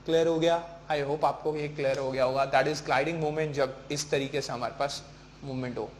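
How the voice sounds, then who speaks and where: A man's voice: a little high, fairly even intonation, moderate pace. A man teaching a lesson in a slightly raised voice. He asks a question and answers it himself, and he checks often that his students follow. A faint hiss sits under the recording. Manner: mixes in English terms, keeps checking with "ठीक है". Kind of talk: classroom lecture.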